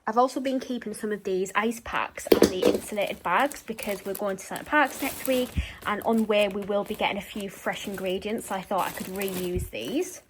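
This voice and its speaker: A woman's voice: mid-range voice, normal speed, background noise. A woman chatting casually into her camera for a vlog, rambling with plenty of ums. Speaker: vlogger. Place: outdoors on a walk, then at home.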